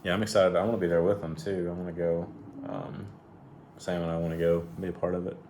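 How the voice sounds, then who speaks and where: A man co-hosting a vlog with his wife, trading jokes and quick banter. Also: sits low, level tone, a little mellow, slight background noise. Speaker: co-host. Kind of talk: casual chat.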